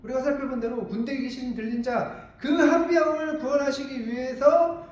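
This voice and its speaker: A man's voice: very high voice, fairly even intonation, moderate pace. A middle-aged male pastor preaching a sermon, asking his listeners questions and then answering them himself. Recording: distant, echoey, muffled church room sound.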